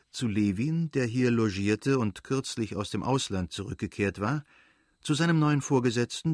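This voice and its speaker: A man giving a measured, even audiobook narration. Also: on the low side, no room sound, studio quality.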